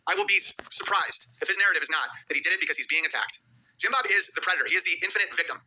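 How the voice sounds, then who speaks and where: A man talking at a breakneck pace in a high, piercing voice. He reads viewer messages aloud and slides into a heated, profane rant, fiery and combative. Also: rapid-fire, bright, forceful tone, a little hiss or hum, rough recording. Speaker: livestream host reading viewer letters. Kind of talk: rapid, heated livestream rant.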